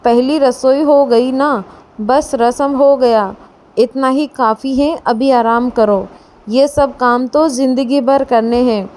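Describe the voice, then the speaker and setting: A woman voicing an affectionate older mother-in-law who coaxes her new daughter-in-law gently. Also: high-pitched, fairly even intonation, slow.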